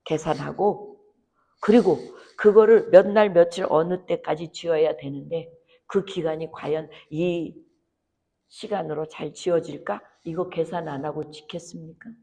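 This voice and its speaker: A woman pastor preaching a sermon in church, her voice swinging between hushed, near-whispered lines and loud, high, impassioned appeals. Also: measured pace, creaky. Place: church sanctuary.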